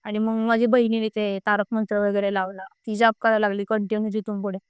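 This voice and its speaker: This young woman's voice is medium in pitch, quick, clear and resonant, captured in clean studio sound without echo. As a guest, she casually relates a frightening ghost experience she had, bringing it to life by repeatedly quoting what each person said.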